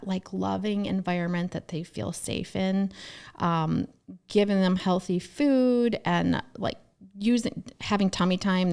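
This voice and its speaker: A woman co-hosting a casual podcast, a therapist and mother telling lively stories from raising her kids. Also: medium pitch, gravelly. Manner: lively storytelling, acts out her own past remarks.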